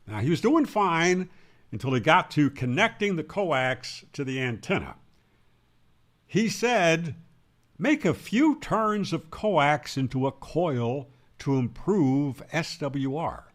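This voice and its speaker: This radio instructor's voice sits fairly high and is highly animated, though he speaks slowly. In an emphatic, teacherly tutorial, he poses questions and then supplies the answers.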